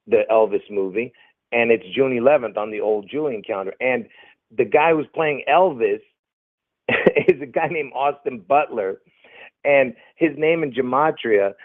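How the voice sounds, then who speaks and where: A man's voice: mid-range voice, dry recording. Rambling man on a tinny line. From Lebanon. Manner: rambling, hesitant, many fillers. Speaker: guest. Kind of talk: casual conversation.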